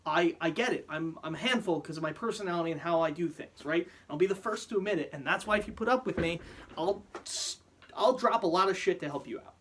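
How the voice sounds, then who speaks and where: A man's voice: a little high, fast talker, a bit bright, slightly rough. Profane, stammering man ranting heatedly. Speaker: vlogger. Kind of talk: angry rant to camera.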